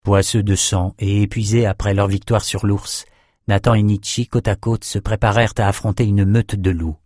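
A man reading a fantasy audiobook in a steady, measured storytelling voice. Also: lowish voice, dry recording, clean studio sound. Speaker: audiobook narrator. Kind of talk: scripted narration.

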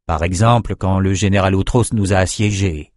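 A suave male sorcerer-ruler speaks in a low, unhurried, flattering way, as a male reader plays him. Close, dry audiobook recording. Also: no echo, close to an everyday voice.

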